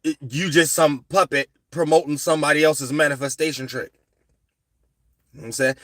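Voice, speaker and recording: A man rambles through a spiritual lecture to his viewers in a slangy, preachy way. His voice sits a little on the high side. The sound is close and dry, with no room around it. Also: steady tone, brisk, a bit bright, no room sound. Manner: rambling, preachy, repeats "you know what I'm saying"; slangy conversational delivery. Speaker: spiritual astrology channel host.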